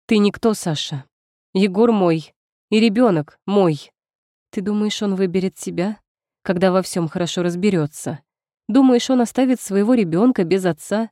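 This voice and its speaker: A woman's voice: mid-range voice, normal speed, mellow, no room sound, studio quality, natural voice. A woman voicing a spiteful, mocking young female rival in a spoken story. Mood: scornful. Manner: mocking, taunting.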